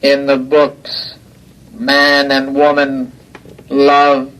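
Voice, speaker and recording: For an old-time radio drama, a male voice of medium pitch plays a slow, obedient, childlike iron robot henchman who is naively curious. He delivers his lines in a flat, measured, slow monotone, and the audio quality is poor.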